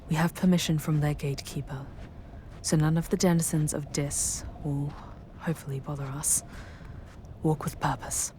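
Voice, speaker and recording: A woman playing Lilith, a proud, protective demon guide, in an ASMR roleplay, speaking in a composed, measured and softly breathy way. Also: deep voice, a little hiss or hum, natural voice. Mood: guarded, urgent.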